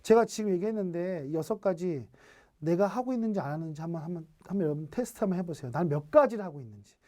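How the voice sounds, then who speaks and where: Mellow-voiced lecturer teaching online. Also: mid-range voice, lively intonation, fast. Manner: asks rhetorical questions, acts out quoted dialogue. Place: streamed online training session.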